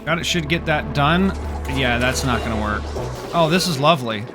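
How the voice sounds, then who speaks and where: Irritated gamer guy ranting at his little guys, sarcastic, music going loud in back. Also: medium pitch, expressive, normal speed. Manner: sarcastic, grumbling at characters. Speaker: gameplay streamer. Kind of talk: exasperated gameplay commentary.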